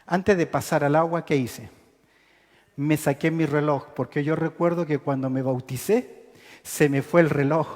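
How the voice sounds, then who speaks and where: A male pastor with a notably high voice delivers an emphatic, teaching sermon in a church sanctuary with a baptistery. His intonation is fairly even and his tone darkish. He keeps pausing on rhetorical questions for the congregation to finish, and his words ring through the hall with a long reverb tail.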